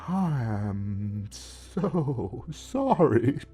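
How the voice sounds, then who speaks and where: A man voicing a frightened, guilt-ridden elderly grandfather in a horror story, with a slow, strained, halting voice. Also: a little high, expressive, dark tone, breathy edge, soft background music, voice pushed up, exaggerated voice. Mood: remorseful. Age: older. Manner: halting, broken speech.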